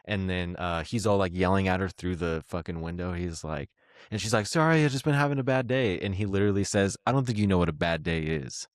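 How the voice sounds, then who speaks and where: A young man with a low, deep voice talks through a podcast conversation in a loose, laid-back way. He swears freely and laughs often while retelling a film scene. The sound is dry and close to the mic. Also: steady tone, a little fast, dry recording. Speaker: podcast host. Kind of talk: casual chat.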